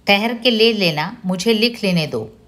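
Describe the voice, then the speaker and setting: A woman's voice: medium pitch, expressive, unhurried, fairly bright tone. A woman reading the part of a stubborn, hurt boy who defies his family, speaking insistently and pressing each word. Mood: defiant.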